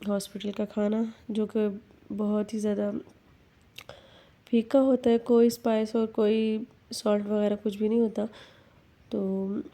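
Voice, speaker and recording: A young woman and mother telling her family's story in a calm, unhurried casual vlog narration, recorded on a phone. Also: medium pitch.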